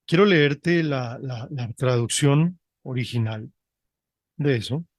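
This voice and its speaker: A male pastor preaching a sermon, reading scripture deliberately and often checking in with his listeners. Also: medium pitch, no room sound. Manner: reads scripture slowly and deliberately.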